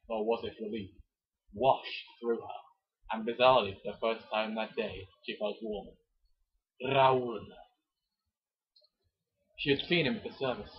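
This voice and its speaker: Reading a romance novel aloud with theatrical flair, this amateur performer keeps stopping to crack jokes and comment. His voice is medium-pitched with a breathy edge, captured on a muffled, lo-fi recording.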